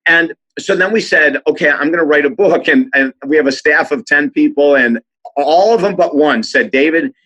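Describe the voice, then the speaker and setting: A man's voice: fairly high pitch, normal speed, bright, forceful tone, rough recording. A man, an author and speaker, telling stories as a podcast guest, enthusiastic and acting out the people he quotes. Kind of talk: animated storytelling interview.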